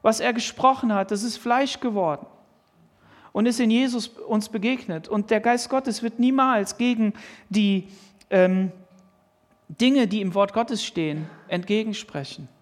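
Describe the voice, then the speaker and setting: A man's voice: sits high, unhurried. A man preaching a sermon, earnestly reading and explaining Bible verses and asking pointed questions. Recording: long hall reverb.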